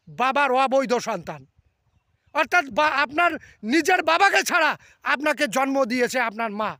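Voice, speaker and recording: A man with a very high, bright and forceful voice answers a critic in a preachy rebuttal, sent straight to camera. He slows into a sing-song chant now and then. The sound is close and dry. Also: no room sound. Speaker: video host answering a critic. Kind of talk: heated religious rebuttal to camera.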